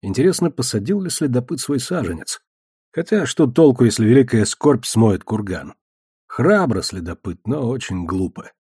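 Male first-person audiobook narrator; mellow, husky, dry; measured delivery. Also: medium pitch, expressive, no room sound.

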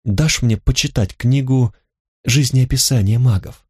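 A man's voice: medium pitch, measured pace, a little mellow, slightly rough, dry recording, clean studio sound. A man voicing an eager, curious young woman who asks question after question.

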